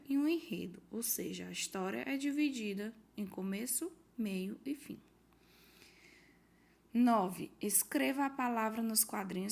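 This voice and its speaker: In this recorded homework walkthrough for pupils, a woman teacher from Brazil speaks with a creaky, medium-pitched voice. She is patient and explanatory, reading out each worksheet question and giving hints.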